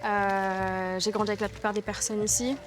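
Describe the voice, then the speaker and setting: With music playing behind her, a village activist from French Guiana responds earnestly to interview questions and repeats words for emphasis. She speaks at normal speed in a medium-pitched voice with little pitch movement.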